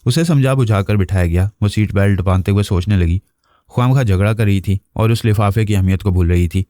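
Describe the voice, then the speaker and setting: A male storyteller reading a novel aloud with a low, mellow voice. His delivery is steady and even, and the sound is dry and close with no room around it. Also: a little fast, no echo. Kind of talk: novel narration.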